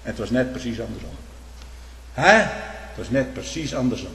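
A man preaching a fiery, denouncing sermon, swinging from quiet warnings to loud outbursts and repeating words for emphasis. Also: medium pitch, lively intonation, moderate pace. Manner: tag questions like "hè?". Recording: echoey hall with long reverb.

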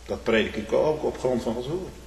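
A male pastor preaching a sermon, emphatic, swinging between loud and hushed, often tagging lines with "hm?". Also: mid-range voice, normal speed, vocal fry, a little hiss or hum. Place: church. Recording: echoey church hall.

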